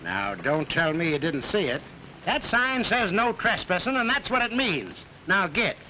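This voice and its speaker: A blustering small-town policeman who barks orders in slangy, high, bright tones that swing all over. The voice sits on a hissy 1930s film soundtrack. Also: sing-song, normal speed, heavily acted, poor audio. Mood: bossy. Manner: blustering, tough-guy slang. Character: gruff small-town male policeman, bossy. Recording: old film soundtrack with hiss.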